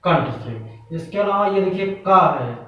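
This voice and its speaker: A Hindi grammar teacher leads an exam-prep lesson patiently and repetitively, asking questions and then answering them himself at a measured pace. His animated, slightly high voice is picked up from some distance off the mic, in a very echoey room that makes the sound dull.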